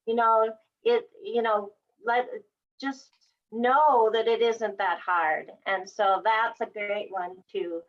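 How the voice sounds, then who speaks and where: Slow-talking woman host, slightly higher voice. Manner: slow, reassuring, explains step by step. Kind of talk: casual explanatory chat. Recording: dull lo-fi sound.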